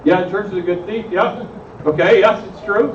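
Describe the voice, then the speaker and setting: High-voiced man leading a church discussion. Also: fairly even intonation, normal speed. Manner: questions the group, frequent "right?" tag. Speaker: pastor leading a group discussion. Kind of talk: conversational Bible study discussion. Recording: roomy, distant, slightly muffled with faint noise.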